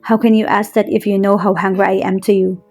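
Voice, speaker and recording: A woman's voice: medium pitch, flat delivery, fairly quick, a little mellow, faint music behind, natural voice. A woman doing a tender, pleading young suitor. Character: tender, earnest young man courting his love.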